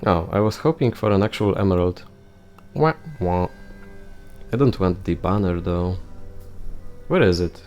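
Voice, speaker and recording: A young man giving casual gameplay commentary, thinking out loud in a rambling way and filling his talk with "like". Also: deep voice, lively intonation, a little slow, pauses often, soft background music. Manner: heavy use of "like" fillers.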